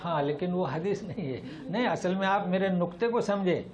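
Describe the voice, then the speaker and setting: A male Islamic teacher with a high-sitting voice gives a Quran lesson and takes questions over crowd noise. He speaks emphatically, repeating rhetorical questions again and again to press his point.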